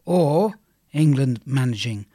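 A man with a croaky voice co-hosting a sports betting podcast in a presenter's style. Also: mid-range voice, animated, slow pace, mellow, no echo, clean studio sound. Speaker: podcast co-host.

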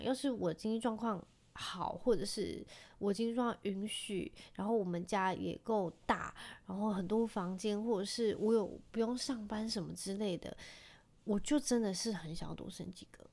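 Speaking in a mid-range, somewhat dark voice, this thirty-something podcast host has a Taiwanese Mandarin accent. She rambles through a casual solo chat, full of filler words.

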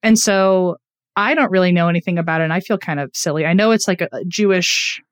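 A woman's voice: on the low side, quick pace, no echo, studio quality. A woman co-hosting a podcast, telling a story in a casual, chatty way and often laughing at herself. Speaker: podcast co-host.

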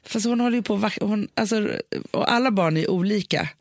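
Woman, medium pitch, dry sound, reflective, filler-heavy casual chat. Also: no echo. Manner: thoughtful, reasoning aloud with many fillers. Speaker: mother.

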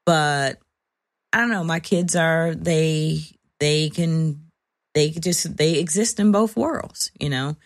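A woman talking casually on a panel as a parent, halting as she thinks aloud and acting out quotes. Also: low voice.

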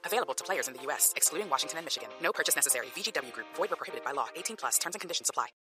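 A man reading a fast legal disclaimer as an ad announcer. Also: a little high, animated. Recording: music bed behind voice.

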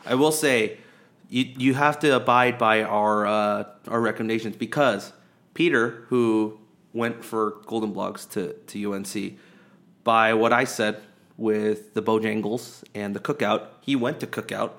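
A man's voice: lowish voice, fairly even intonation, a little slow, a bit bright. A man co-hosting a sports podcast in casual chat, rambling and chatty with many fillers and restarts. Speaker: podcast co-host.

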